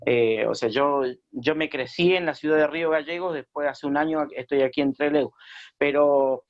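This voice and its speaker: A man's voice: a little high, moderate pace, dull audio. A man from Chile, a pastor telling his testimony in a radio interview, hesitant with many fillers and restarts.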